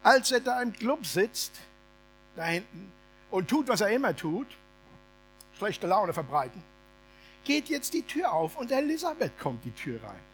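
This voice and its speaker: A male preacher giving a sermon as a lively, humorous, colloquial story. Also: high voice, unhurried, long pauses, slight background noise.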